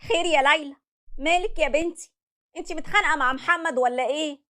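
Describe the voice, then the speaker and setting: A woman with an Egyptian accent voicing a gentle, pious mother soothing her daughter. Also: sits high, quick pace, voice pushed up. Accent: Egyptian Arabic. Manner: soothing, tender.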